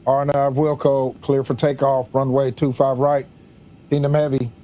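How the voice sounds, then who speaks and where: A man's voice: mid-range voice, level tone, measured pace, mellow, muffled recording. A man doing pilot radio calls to the tower over a cockpit headset, in clipped, by-the-book phrasing. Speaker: gamer streaming a flight simulator.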